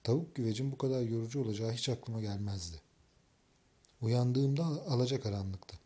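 A man reading a novel aloud in scripted first-person narration, with an even, measured delivery. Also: mid-range voice. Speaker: audiobook narrator.

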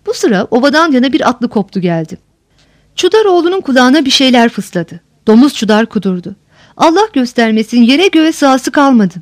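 A woman's voice: high voice, sing-song, moderate pace, no echo, studio quality. A woman voicing a whining beaten steward. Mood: lamenting. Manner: whining, long-winded pleading. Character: frightened, beaten old male steward.

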